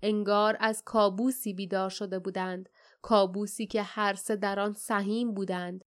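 A woman reading an audiobook in measured, expressive scripted narration. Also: mid-range voice.

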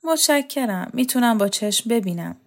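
A woman voicing an old lady of the house, flustered and sharp-tongued, reading her lines raised and animated. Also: fairly high pitch. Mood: polite, wary.

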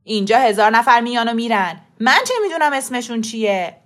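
A woman reading a storybook voices a scruffy, belligerent male caretaker who shouts hoarsely and talks rudely. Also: fairly high pitch, natural voice. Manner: rude, bullying.

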